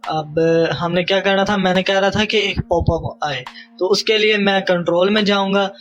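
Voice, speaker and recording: A man's voice: high voice, steady tone, lo-fi sound, background noise. A young man with a Pakistani Urdu accent teaches a programming tutorial while working on screen. He explains step by step, mixes in English coding terms and often checks in with "theek hai?".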